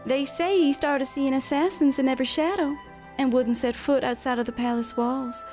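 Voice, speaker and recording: A woman's voice: high voice, steady tone, normal speed, darkish tone, soft background music, pitched above the performer's own voice, natural voice. A woman voicing a gossipy old maid with an exaggerated put-on Southern belle drawl while reading game dialogue aloud. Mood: conspiratorial.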